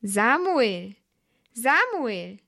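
A woman's voice: a little high, very animated, drawn-out words, vocal fry, bright, forceful tone, no room sound, clean studio sound, full character voice. A woman voicing God calling from afar.

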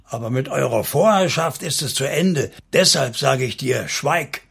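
Dude doing angry sneering prince, raised and rough, husky voice. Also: male voice, medium pitch, moderate pace. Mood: furious.

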